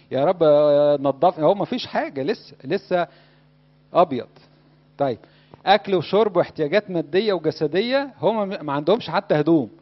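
A man with an Egyptian Arabic accent preaching a sermon in a conversational way, often putting questions to his listeners. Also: fairly high pitch. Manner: conversational, asks the audience questions. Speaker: Coptic preacher. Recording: dull lo-fi recording.

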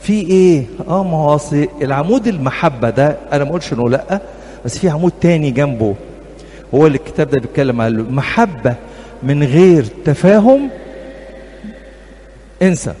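A middle-aged man with an Egyptian accent talks rapid-fire in a fairly high, mellow voice. As a marriage counselor, he addresses couples at church with humorous anecdotes, and the reverberant hall carries faint background noise.

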